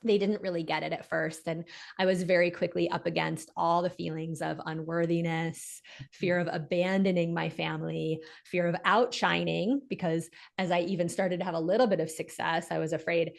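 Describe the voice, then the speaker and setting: A woman's voice: lowish voice, little pitch movement, normal speed, gravelly. A woman giving candid, reflective, affirming answers as a guest coach in a conversational interview.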